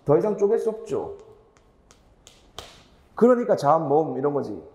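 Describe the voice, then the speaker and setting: A man's voice: fairly high pitch, sing-song, moderate pace, a little mellow, roomy sound, in a large hall. A man teaching grammar in a lecture, asking students rhetorical questions and repeating key points with emphasis.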